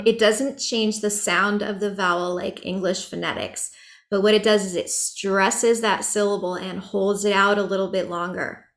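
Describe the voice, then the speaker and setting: A woman teaching an online chanting workshop over a video call, chatty and relaxed with light laughs and many fillers. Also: mid-range voice.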